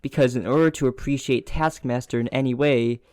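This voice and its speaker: A man in casual movie talk, giving blunt opinions with a few "uh"s. His pitch is middling and even. The recording is dry and close. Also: fairly quick, no echo. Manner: relaxed, opinionated, some hesitations. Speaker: podcast co-host. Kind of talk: casual movie review chat.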